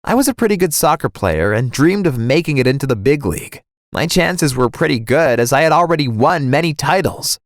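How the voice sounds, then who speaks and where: A young man narrating a first-person animated story in a dramatic, scripted way. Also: fairly high pitch, brisk, no room sound, studio quality.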